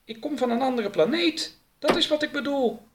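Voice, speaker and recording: A man doing a high, innocent alien voice. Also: normal speed, noisy background. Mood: guileless. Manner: innocent, literal-minded. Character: odd naive male alien visitor. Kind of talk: audiobook character voice.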